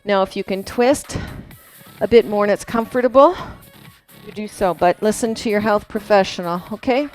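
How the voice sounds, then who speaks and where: A woman's voice: medium pitch, moderate pace, darkish tone, poor audio. A woman fitness instructor leading a core workout class, chatty and encouraging and laughing often, demonstrating moves as she talks. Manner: demonstrating moves while talking. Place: fitness studio. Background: background workout music.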